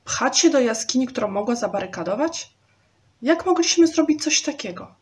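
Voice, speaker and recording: A woman reading aloud voices an excitable, anxious male constructor who pleads and argues in a raised voice. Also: fairly high pitch, moderate pace, voice pushed up, lightly acted. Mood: upset. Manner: agitated, pleading.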